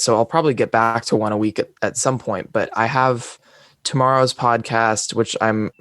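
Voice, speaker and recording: A man's voice: lowish voice, no echo, studio quality. A young man from California with an American accent, a podcast guest chatting casually over a video call, friendly, laughing easily and repeating his words.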